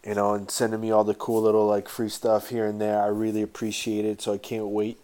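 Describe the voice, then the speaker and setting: A man with a lowish voice and very little rise and fall talks casually as a podcast host. His nose is stuffed up from a sinus cold, so he sounds congested and breathes through his mouth as he speaks. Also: monotone, fairly quick, warm tone. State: stuffed-up nose, getting over a sinus infection. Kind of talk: casual solo podcast talk with sponsor plugs.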